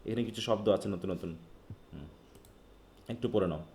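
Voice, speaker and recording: A man's voice: deep voice, brisk, creaky, a little mellow, a little hiss or hum. A man from Bangladesh teaching an English literature class online, reading English lines aloud and questioning his students. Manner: mixes Bengali with read-out English, asks students questions.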